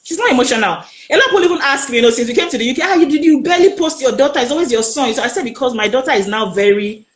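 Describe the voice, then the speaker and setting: A woman with a Nigerian accent, a guest telling her personal story in an interview, animated and emphatic, acting out the voices of the people she quotes. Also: high-pitched, racing, roomy sound. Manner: animated, emphatic retelling that acts out quoted speech.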